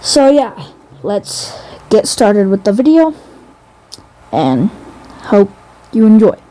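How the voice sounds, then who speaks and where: A woman's voice: mid-range voice, sing-song, slow pace, mellow. A woman casually narrating a recap of her own animation series, rambling with many fillers and restarts.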